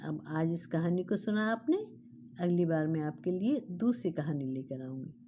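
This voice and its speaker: A woman telling a children's story in Hindi, explaining words and talking warmly to the kids listening. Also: deep voice, animated, moderate pace, highs cut off, slight background noise.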